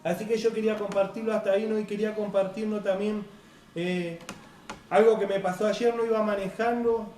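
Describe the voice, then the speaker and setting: A male preacher, giving an earnest, unhurried sermon that keeps asking "right?". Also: high voice, level tone, a little mellow. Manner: earnest, unhurried, frequent "right?" tag questions. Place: church hall. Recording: echoey hall, distant mic, faint noise.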